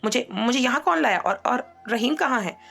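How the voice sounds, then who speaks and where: A woman's voice: fairly low pitch, fairly even intonation, quick pace, natural voice. A woman voicing a grief-stricken young woman who is crying and stammering through her tears. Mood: sobbing grief.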